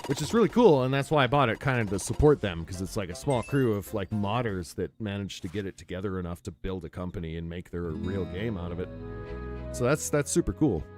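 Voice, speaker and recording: A man streaming a game, chatting casually and rambling with frequent laughs into a close mic on a boom arm. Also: fairly quick, faint music behind. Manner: rambling, relaxed, laughs often. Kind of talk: casual chat while gaming. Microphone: close studio mic on a boom arm.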